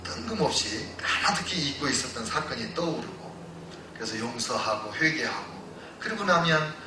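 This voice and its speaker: A male pastor preaching a sermon, telling stories that move between loud exclamations and hushed retelling. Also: mid-range voice, sing-song, moderate pace, background noise. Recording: echoey church hall, voice from a distance.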